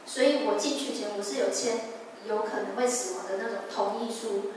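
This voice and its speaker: A young woman with a Taiwanese Mandarin accent gives a personal testimony in a church service, telling her story earnestly with halting restarts. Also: mid-range voice, a little mellow, slight background noise. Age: young adult. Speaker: church member giving testimony. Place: large church sanctuary. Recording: echoey hall, voice from a distance.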